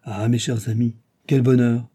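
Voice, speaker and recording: Man playing a bold musketeer captain, loud, animated, husky dark voice, audiobook. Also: medium pitch, normal speed, natural voice. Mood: excited. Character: excitable swaggering male musketeer captain.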